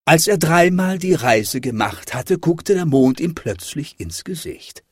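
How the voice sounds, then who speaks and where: A man reading a children's fairy tale aloud with expressive, dramatic delivery. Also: fairly high pitch, unhurried, breathy edge, no echo, studio quality. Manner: lively, dramatic rises and falls. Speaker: storyteller.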